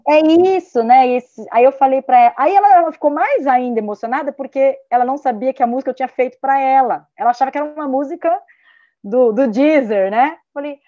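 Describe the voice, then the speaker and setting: A woman's voice: high voice, fast talker, dry recording. A woman with a Brazilian Portuguese accent, a music therapist in her thirties, talking casually in a panel conversation and tagging her sentences with a questioning 'né'. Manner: chatty, tags nearly every sentence with a questioning 'né', restarts often; gets lively when retelling a story. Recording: dry, slightly dull call audio.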